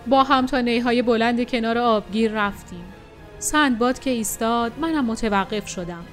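A woman narrating an adventure story in the first person, with expressive, dramatic delivery. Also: on the high side. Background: faint music.

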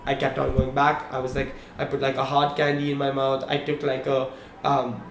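This young podcast co-host, mid-range in voice and moderate in pace, tells a lengthy story in an animated, chatty way, pausing to ask listeners "okay? right?" The audio carries room echo and a faint background hum.

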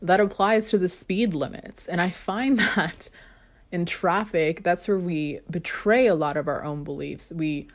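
A woman's voice: lowish voice, measured pace. A woman hosting a motivational self-help podcast, telling personal stories earnestly with frequent light laughs. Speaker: podcast host.

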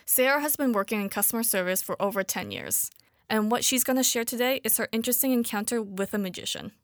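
A young adult woman hosting a podcast, reading a scripted introduction in an even manner with a wry aside. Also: a little high, fast, no room sound, clean studio sound. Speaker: podcast host.

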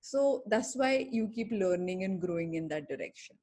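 Woman as a thoughtful coach, breathy husky tone, medium pitch, measured explanations. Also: expressive, darkish tone. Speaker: coach giving advice. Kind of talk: conversational coaching.

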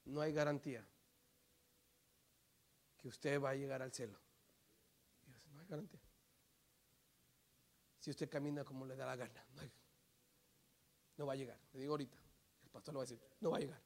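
A man preaching a sermon, swinging from loud fervent exhortation to hushed near-whispers and dropping in English phrases. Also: mid-range voice, steady tone, normal speed, vocal fry, pauses often. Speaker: pastor.

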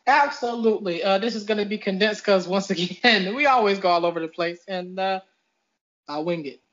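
A man's voice: high-pitched, a little fast, a bit bright. A man hosting a podcast, chatting casually over a video call in a rambling, self-deprecating way. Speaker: podcast host. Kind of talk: casual review chat. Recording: dull lo-fi call audio.

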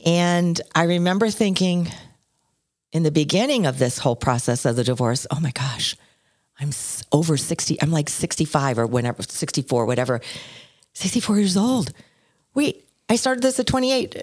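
A woman in her sixties, co-hosting a podcast and telling personal stories with lively swings in her voice. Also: moderate pace, dry recording, studio quality. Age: 60s. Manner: expressive storyteller, swings between low and high pitch. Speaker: podcast co-host. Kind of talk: casual chat.

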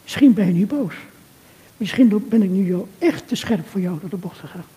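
Older man, very dark voice, echoing hall. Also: high-pitched, animated. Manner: earnest, measured, addressing the listener directly. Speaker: speaker at a church conference. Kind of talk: reflective sermon talk addressed to a listener. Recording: long reverb of a hall.

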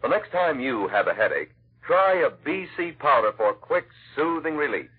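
A man's voice: fairly high pitch, sing-song, moderate pace, slightly rough. A man with an American accent, speaking as an old 1940s radio announcer in a scripted sponsor introduction. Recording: tinny vintage 1940s radio broadcast.

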